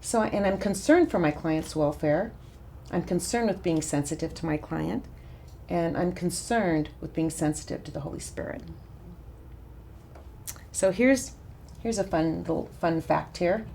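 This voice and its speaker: A woman teaches a counseling class in a casual, chatty way, stopping and restarting her sentences as she goes. Her voice is raspy and gravelly, sitting a little low. A faint hum of room noise is heard behind her. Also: unhurried. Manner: chatty, warm-hearted asides with frequent restarts and fillers. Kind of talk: informal teaching talk to a small group.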